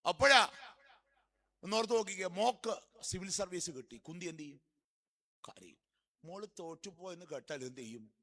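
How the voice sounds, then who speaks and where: A man preaching a sermon in church during a feast. He keeps firing questions at the congregation and answering them himself, and he swings from soft murmurs to loud exhortation. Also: high voice, brisk.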